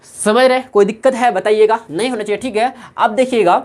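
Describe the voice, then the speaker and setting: A woman's voice: on the high side, a little fast, darkish tone. A woman math teacher with a Bihari Hindi accent, working through sums in a classroom lesson and answering her own repeated questions. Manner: asks questions and answers them herself, repeats every step.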